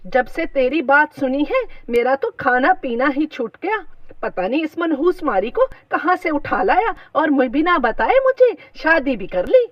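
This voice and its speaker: A woman's voice: high voice, sing-song, unhurried, dry recording, far from the mic, highs cut off. A woman voicing a scheming, bossy older mother-in-law in a cartoon story, with a scolding manner.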